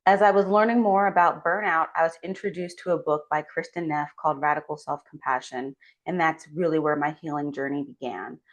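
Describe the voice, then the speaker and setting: A woman's voice: low voice, steady tone, a little fast, hardly any pauses, poor audio. A woman giving a scripted motivational talk as a well-being coach, speaking earnestly and supportively straight to the listener. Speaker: well-being coach and doctor hosting a channel.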